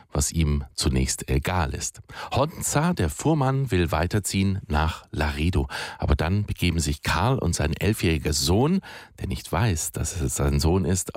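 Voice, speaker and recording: A male radio announcer introducing a reading episode and summarizing the story so far in clear, informative presenting. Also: a bass voice, no room sound, studio quality. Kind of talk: program introduction and recap. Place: radio studio.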